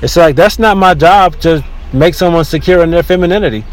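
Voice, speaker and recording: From inside his car near a beach, a man hosts a casual solo podcast, talking briskly and opinionatedly, rambling with frequent restarts. The in-car recording is low quality, with faint background noise.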